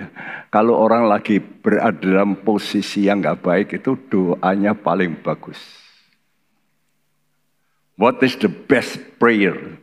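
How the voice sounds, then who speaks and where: An older man with a Javanese accent preaching a sermon in church, telling folksy stories and acting out the voices in them. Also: low-pitched. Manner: folksy storytelling, acts out voices in his stories. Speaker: pastor.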